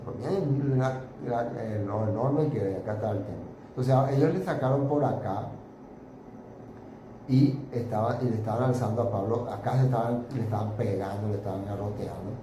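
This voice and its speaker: A man leading an informal Bible study, explaining in a chatty, searching way with many fillers while pointing out pictures. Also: medium pitch. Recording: roomy echo with steady background noise.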